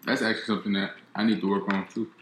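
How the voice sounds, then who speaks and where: A man co-hosting a casual chat, mostly monotone, rambling as he works through his points. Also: on the low side, very fast, slight background noise. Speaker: co-host. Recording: echoey room.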